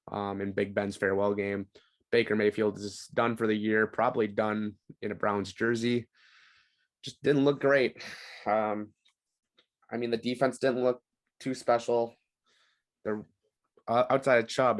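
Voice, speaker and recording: A young man co-hosting a podcast, chatting casually about sports with frequent ums and easy laughs. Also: lowish voice. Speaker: podcast co-host.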